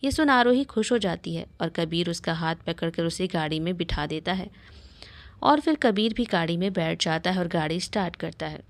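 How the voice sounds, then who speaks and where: A woman's voice: animated, normal speed. A woman reading a romantic story aloud, voicing every character's lines herself. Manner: reads all parts in her own voice, lifting pitch for dialogue. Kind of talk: scripted story narration.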